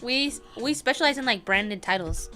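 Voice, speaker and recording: A woman's voice: fairly high pitch, expressive, normal speed, over music. A woman co-hosting a casual talk show, laid-back and slangy, often laughing. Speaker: podcast co-host. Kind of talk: casual chat.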